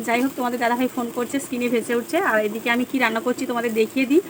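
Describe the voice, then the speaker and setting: A woman vlogger with a Bengali accent, chatting casually to viewers at home about her day, rambling with many fillers, her voice a little hoarse. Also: a little high, little pitch movement, very fast, a little hiss or hum. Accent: Bengali (West Bengal). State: hoarse, throat going. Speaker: vlogger, housewife. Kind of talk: casual vlog chat to viewers.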